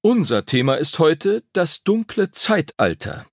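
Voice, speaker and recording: A man's voice: fairly high pitch, sing-song, unhurried, dry recording, clean studio sound, voice pushed up, full character voice. A man voicing a weary, patient schoolmaster. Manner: tired, patient.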